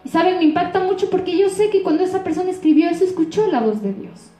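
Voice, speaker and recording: A woman's voice: extremely high pitch, expressive, fast, warm tone, roomy sound, soft background music. A woman pastor with an Ecuadorian accent giving a sermon, often asking the congregation rhetorical questions. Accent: Ecuadorian Spanish.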